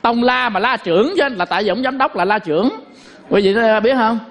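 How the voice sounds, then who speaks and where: A man's voice: extremely high pitch, brisk, fairly bright tone. A man giving a folksy Buddhist Dharma talk to lay listeners, tagging each point with a rhetorical question and a joke. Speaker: Buddhist preacher.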